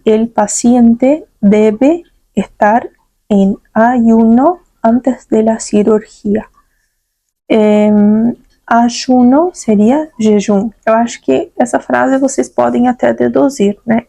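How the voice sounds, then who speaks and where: Brazilian woman teaching Spanish, unhurried and patient, slightly high warm voice, dry close sound. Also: gravelly, no room sound. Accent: Brazilian Portuguese. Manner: patient, repeats words slowly, tags phrases with "né?" and "tá?". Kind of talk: online language lesson.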